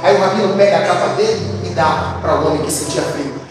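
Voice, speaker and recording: A male pastor preaching a sermon to his church, swinging between loud preaching and quiet storytelling. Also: high voice, quick pace. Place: church sanctuary. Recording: echoey church hall from far off, with music.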